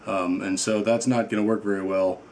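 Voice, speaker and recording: A man's voice: fairly low pitch, fairly even intonation, moderate pace, darkish tone, echoey room, a little hiss or hum. A man chatting casually as a toy reviewer, rambling and playful with lots of fillers. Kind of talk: casual unboxing chat.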